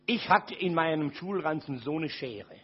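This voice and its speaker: An older man giving a personal testimony to an audience, dramatic, dropping from loud to very quiet. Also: fairly high pitch, lively intonation, normal speed, dull audio.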